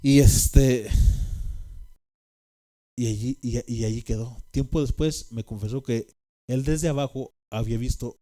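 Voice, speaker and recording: A man's voice: mid-range voice, fairly even intonation, a little slow, long pauses, dark tone. A man with a Mexican accent telling a personal testimony, rambling with fillers and tag questions. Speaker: speaker giving a personal testimony.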